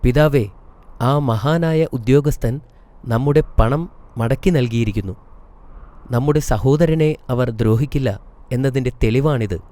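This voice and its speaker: A man's voice: medium pitch, measured pace, pauses often, warm tone, close to an everyday voice. A man voicing a group of grown brothers pleading with their father in a children's storybook. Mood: eager.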